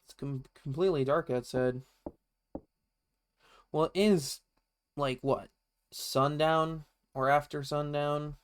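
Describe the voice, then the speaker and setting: A man's voice: on the high side, fairly even intonation, slow pace, long pauses, slight background noise. A man streaming a horror game, giving wry, playful casual commentary and reading bits of on-screen text aloud to himself.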